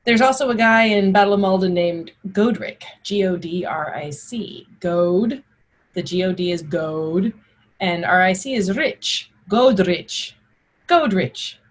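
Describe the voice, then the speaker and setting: Husky woman teaching Old English pronunciation. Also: fairly low pitch, measured pace. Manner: informal, explanatory, enunciates examples. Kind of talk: spoken pronunciation lesson with Old English words sounded out and recited.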